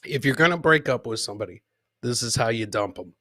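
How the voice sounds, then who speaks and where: Fast, forceful, and bright, with lively intonation at a medium pitch, a middle-aged comedy podcast host rattles through a casual live-stream chat. He swears, repeats phrases for emphasis, and plays to his audience like a showman.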